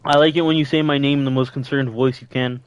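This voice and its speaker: A man's voice: mid-range voice, steady tone, quick pace, smooth, no echo. A young man co-hosting a podcast, chatting in an easygoing, rambling, self-deprecating way. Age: young adult. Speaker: podcast co-host. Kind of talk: casual chat.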